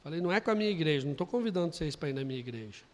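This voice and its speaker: A Brazilian man preaching a sermon, telling a story quietly and then building to loud, emphatic preaching. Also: on the high side, animated, racing. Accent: Brazilian Portuguese. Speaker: pastor. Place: church hall. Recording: long hall reverb.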